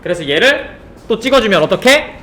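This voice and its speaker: Man teaching code with lively high voice. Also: fairly quick, echoey room. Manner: rhetorical questions, checks understanding often. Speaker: programming instructor. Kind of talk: live coding lecture.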